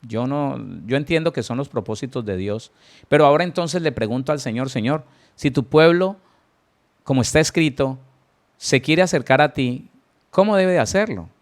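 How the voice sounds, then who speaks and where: A middle-aged pastor preaches a Bible teaching sermon earnestly, repeating key words and addressing his listeners directly with rhetorical questions. His voice is medium in pitch at normal speed.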